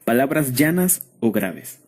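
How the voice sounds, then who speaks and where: A man with a Mexican accent reading a spelling lesson aloud in a steady, measured way. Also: medium pitch. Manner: steady, measured reading of rules and word lists. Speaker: student presenter. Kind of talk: read-aloud lesson narration.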